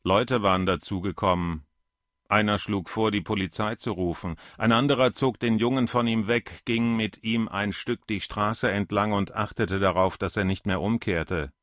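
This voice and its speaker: A man narrating a literary short story in a calm, measured reading. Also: lowish voice, no echo, studio quality.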